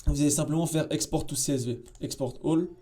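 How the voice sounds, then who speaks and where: Man tutorial host, mellow dark tone, relaxed slangy delivery at a desk mic. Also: a little high, brisk. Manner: casual, chatty, slangy, with many fillers and asides. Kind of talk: casual screen-share tutorial.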